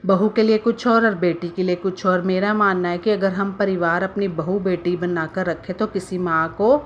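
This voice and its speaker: A woman's voice: lowish voice, steady tone, normal speed, muffled recording, a little hiss or hum. A woman telling a family story in a casual, chatty way and adding her own opinionated moral commentary, with hesitant fillers.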